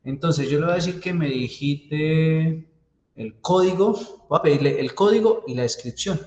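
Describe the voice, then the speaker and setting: A man whose voice is a little high and darkish, moving at a moderate pace, teaches a database class at a university through live coding, guiding students step by step and regularly checking in. The sound is lo-fi, with room echo and faint typing.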